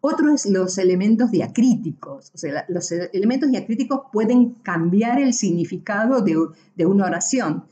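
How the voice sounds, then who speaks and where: A woman's voice: mid-range voice, lively intonation, normal speed, few pauses, mellow, muffled recording. A woman giving a university class, explaining patiently with frequent tag questions and self-corrections. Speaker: university lecturer. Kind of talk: recorded class lecture.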